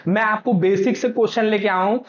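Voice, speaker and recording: A man's voice: sits high, steady tone, fast. A man teaching for exam prep, who keeps asking his own questions and then answering them. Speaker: Hindi teacher. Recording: echoey room, dull lo-fi sound.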